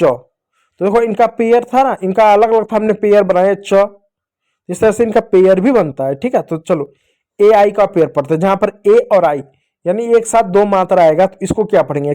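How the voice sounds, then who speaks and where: Patiently quizzing children and then answering his own questions, a man gives an English phonics lesson. His voice is high and warm.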